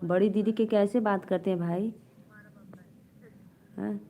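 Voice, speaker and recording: Woman, Awadhi accent, live-stream host, playful banter, slow delivery, dark mellow tone, phone mic. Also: mid-range voice, fairly even intonation. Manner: reads comments aloud, banters playfully with viewers. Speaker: live-stream host reading viewer comments. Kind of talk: casual live-stream chat.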